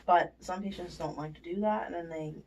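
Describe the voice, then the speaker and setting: A woman from a dental surgery team, speaking a little fast in a lowish, darkish voice, walks a patient through aftercare step by step in a relaxed way, checking in often as she goes. It's an indoor clinic setting, picked up by a distant mic with faint room noise.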